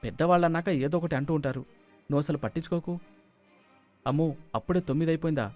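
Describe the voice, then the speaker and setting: A man's voice: fairly high pitch, rapid-fire, darkish tone, no echo, soft background music, close to an everyday voice. Mild placating young husband, voiced by a man.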